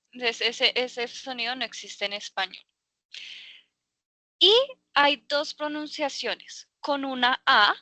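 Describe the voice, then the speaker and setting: Lady teaching english over a video call, talks slow, bright tone. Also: high-pitched, no echo. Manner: patient, explains slowly with many fillers. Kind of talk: online class.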